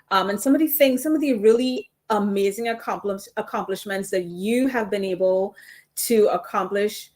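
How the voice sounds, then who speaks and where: A woman's voice: medium pitch, rough recording. A woman hosting an interview, introducing and questioning her guest in an effusive, chatty way. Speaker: host. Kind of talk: casual interview chat.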